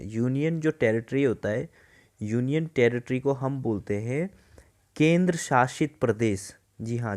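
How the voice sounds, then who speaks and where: A man with an Indian accent teaching vocabulary from a newspaper editorial. He reads English phrases slowly word by word, spells words out letter by letter, and explains them in Hindi. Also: mid-range voice, a little mellow. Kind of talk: exam-prep vocabulary lesson.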